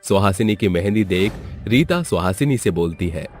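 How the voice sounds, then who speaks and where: A man narrating a storybook tale in an expressive, scripted way. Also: low voice, normal speed, faint music behind.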